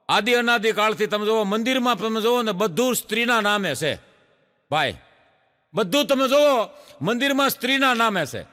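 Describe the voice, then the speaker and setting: A man telling jokes as a stand-up comedian, animated and storytelling. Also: sits high, long reverb tail. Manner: animated joke-telling with audience laughter. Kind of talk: Gujarati folk comedy storytelling.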